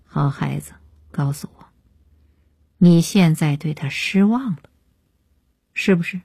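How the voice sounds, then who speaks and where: A woman's voice: sits low, takes it slowly, gravelly, breathy edge, no room sound, clean studio sound, heavily acted. A woman reading as a frank, commanding mother-in-law. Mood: gentle, earnest. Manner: direct, turning soft and coaxing. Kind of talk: audiobook reading.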